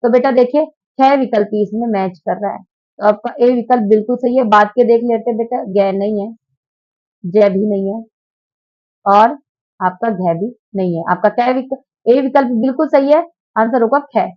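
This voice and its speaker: A woman's voice: on the high side, moderate pace, dull audio. A woman teacher taking students patiently through exam questions, calling them 'beta' and drilling sounds aloud. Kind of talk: exam prep lesson.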